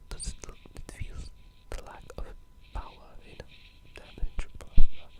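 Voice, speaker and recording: In a soft, halting ASMR style, a gaming video creator chats about games using a breathy whisper with no voiced tone.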